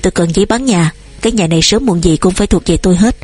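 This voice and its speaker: A woman voicing a cold, bullying grown son who threatens his family in rapid, harsh bursts, with a husky voice. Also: mid-range voice, darkish tone, faint music behind, close to an everyday voice.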